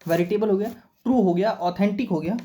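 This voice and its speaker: A man's voice: sits high, brisk, mellow. A man teaching English for competitive exams. He explains words patiently, spells some of them letter by letter, and keeps checking in with "okay". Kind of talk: exam-prep vocabulary and grammar lesson.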